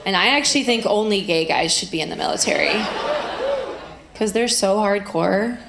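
A woman performing stand-up comedy into a stage microphone, with dry, conversational joking and drawn-out punchlines, to audience laughter. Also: medium pitch, lively intonation, vocal fry. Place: live comedy venue. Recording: roomy live stage sound with crowd noise.

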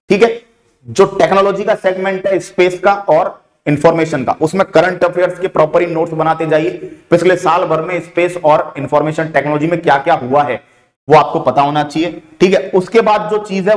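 A male exam coaching teacher with a Rajasthani Hindi accent, briskly running through syllabus topics with frequent "theek hai" fillers and calling students "beta". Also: a little high. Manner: addresses students familiarly as "beta". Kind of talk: online exam coaching lecture. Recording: echoey room.

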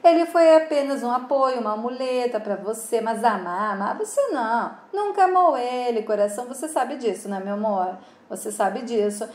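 A woman's voice: a little high, animated, normal speed, hardly any pauses, a little mellow, close to an everyday voice. A woman voicing a cruel, scheming man who taunts with condescending endearments, in a roomy recording. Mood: taunting. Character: scheming smooth-talking male villain, cruel and mocking. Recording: roomy echo.

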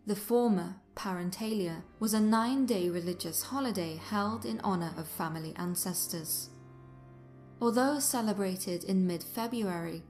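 A woman narrates a history documentary from a script. Her voice sits at a middle pitch, and her delivery is formal, carefully articulated and measured. Music plays behind her. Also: a little mellow. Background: music under the voice.

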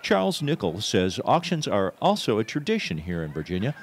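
A man's voice: fairly low pitch, wildly swooping pitch, fairly quick. An American man narrating a scripted news feature as a TV reporter. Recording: crowd noise behind voice-over. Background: event crowd.

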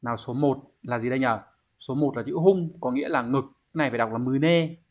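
A man's voice: medium pitch, a little fast. Man explaining exam answers step by step. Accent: Vietnamese. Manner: explains step by step, asks and answers his own questions. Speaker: Japanese teacher. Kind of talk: exam walkthrough lesson. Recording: dull lo-fi recording.

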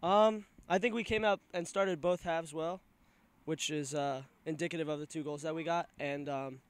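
College player, male, twenties, casual filler-heavy answers, smooth tone, pitched a bit high. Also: steady tone, no room sound. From Pennsylvania. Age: 20s. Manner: casual, halting with many fillers. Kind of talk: postgame interview answers. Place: outdoor soccer field at night. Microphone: handheld mic held by interviewer.

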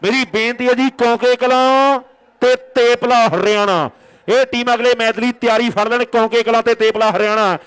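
A man giving excited rural kabaddi commentary, announcing in repeated stock phrases. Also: very high-pitched, moderate pace, clean tone.

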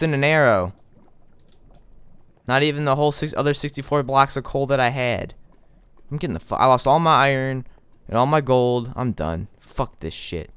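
A man's voice: mid-range voice, a bit bright, clean tone, dry recording. Swearing young man playing a game. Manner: frustrated, swearing, sarcastic. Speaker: gaming commentator. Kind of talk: casual gameplay commentary.

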